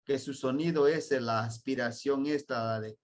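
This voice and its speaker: A Mexican man with a Mexican Spanish accent and a mid-range voice, a little slow, teaches a language class. He gives a slow classroom explanation, patiently spelling out sounds and words.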